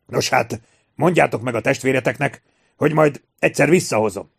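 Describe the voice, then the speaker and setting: A man voicing a cheeky old male pirate captain who calls out loudly, in an audiobook reading. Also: mid-range voice, vocal fry, husky. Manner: loud hearty calls, raised voice.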